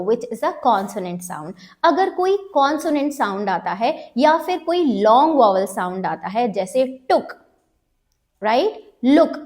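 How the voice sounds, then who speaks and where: A woman teaching a phonics lesson step by step, mixing Hindi with English terms and repeating each sound for learners. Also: on the high side.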